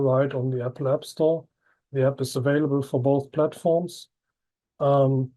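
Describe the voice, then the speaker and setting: A man with a slightly husky voice walks his audience through a new app over a video call. He explains step by step at a steady pace, filling pauses with ums. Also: medium pitch, poor audio. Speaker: presenter at an online app launch. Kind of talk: product presentation.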